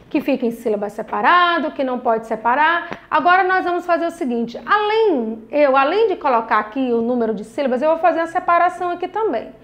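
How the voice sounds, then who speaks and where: A young Brazilian woman teaching a recorded lesson to children, patient and encouraging, drawing out each syllable of words. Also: high voice. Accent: Brazilian Portuguese. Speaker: primary school teacher.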